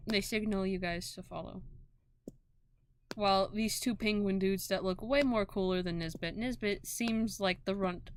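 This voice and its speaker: A young woman narrating as game master for a tabletop game over a voice call, animated and quick to laugh. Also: medium pitch, clean tone. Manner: giggly, animated storytelling.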